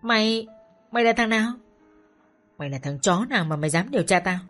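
A coarse, foul-mouthed older thug, short and fat, who sneers and yells his insults in a voice pushed higher and louder than the reader's own, as a woman narrator puts him on. Faint music runs underneath. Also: animated, brisk. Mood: abusive, sneering. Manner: crude, abusive, shouting. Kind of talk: audiobook story reading.

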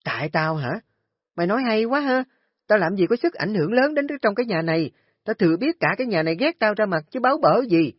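A man voicing a spiteful, sharp-tongued young daughter-in-law in an audio story, shrill and mocking. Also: expressive, normal speed, long pauses, husky, no echo. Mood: scornful shouting. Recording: dull lo-fi audio with faint music.

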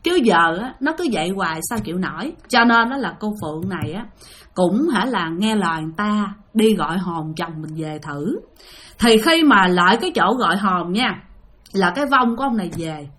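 In a chatty storytelling session, a woman with a Southern Vietnamese accent talks straight to her listeners while recounting the ghost stories they sent her. She has a medium-pitched, fairly bright voice and an animated delivery at normal speed.

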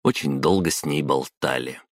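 A man narrating a story in an even storytelling manner. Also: extremely low pitch, moderate pace, dry recording, studio quality. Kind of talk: audiobook narration.

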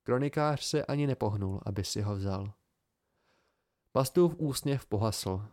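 A man calmly narrating an amateur audiobook. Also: on the low side, dry recording, clean studio sound. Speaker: audiobook reader.

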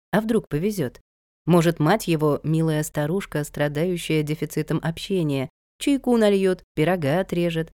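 Dark-toned woman narrating an audiobook. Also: on the low side, dry recording, clean studio sound. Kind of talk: scripted narration.

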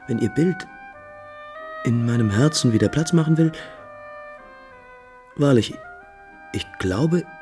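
A man's voice: medium pitch, a little mellow. An actor playing an imperious, moody, lovesick prince in classical German stage drama, theatrical and declamatory, lingering on his words. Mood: wistful.

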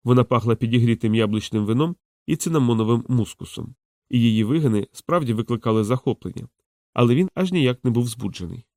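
A man narrating a fantasy audiobook in an even, measured reading. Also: mid-range voice, dry recording, clean studio sound. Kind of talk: scripted narration.

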